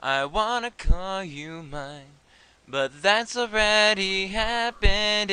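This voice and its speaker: Guy's voice sped up to chipmunk, high and super bright, earnest pleading home-made love song, faint music behind. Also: clear, resonant tone, dry recording. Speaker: amateur songwriter on an old home recording.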